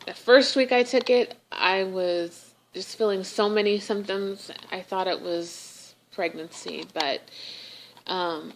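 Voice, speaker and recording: Slow-talking woman in an emotional video diary. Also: on the low side, a little hiss or hum, rough recording. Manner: slow, halting, emotional, many ums. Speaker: vlogger.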